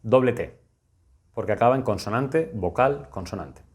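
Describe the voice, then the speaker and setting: A man's voice: medium pitch, animated, normal speed. Young adult man, Spain accent, video-lesson grammar teacher. Patient, explanatory, repeats key points. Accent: Spain Spanish. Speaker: English teacher.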